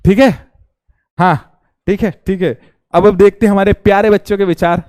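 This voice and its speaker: High-voiced, teasing male teacher. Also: fairly even intonation, moderate pace, a little mellow, no room sound, studio quality. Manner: chatty and teasing, sings lines, asks questions and answers them himself. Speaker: online science teacher. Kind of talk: live class lecture, joking with students.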